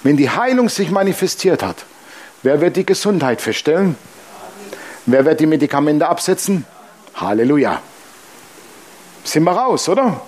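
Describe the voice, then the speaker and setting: Blunt, animated man preaching a sermon. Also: normal speed, pauses often. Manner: animated storytelling, acting out dialogue with shifting pitch. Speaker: pastor.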